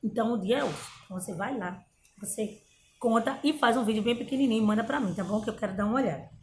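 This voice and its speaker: A woman's voice: a little high, fast talker, roomy sound, a little hiss or hum, low-quality recording. A woman from Brazil teaching a remote lesson to young pupils, going through a workbook and often checking in with them. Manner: patient, explains step by step, often checks in with "tá bom?". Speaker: primary school teacher.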